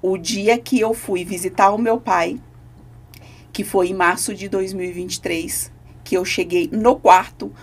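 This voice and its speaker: A woman with a gravelly, slightly husky voice. She tells her faith testimony as a podcast guest, earnest and emotional, speaking in a mid-range pitch. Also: fairly even intonation, a little slow. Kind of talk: personal testimony in conversation.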